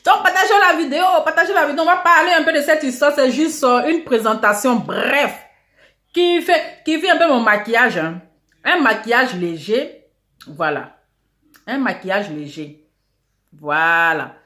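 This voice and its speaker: A woman's voice: sits high, animated, normal speed, a bit bright, roomy sound. A woman hosting a casual gossip vlog, introducing herself in a boastful, theatrical way with repeated catchphrases. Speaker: online video host.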